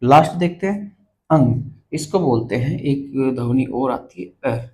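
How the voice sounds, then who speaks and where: A man teaches a grammar lesson at the blackboard in a mid-pitched voice. He talks slowly and deliberately. He repeats each key word and asks the viewer to say it back. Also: dark tone, a little hiss or hum, low-quality recording. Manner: slow, repeats terms and quizzes the viewer. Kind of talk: blackboard lesson explaining letters.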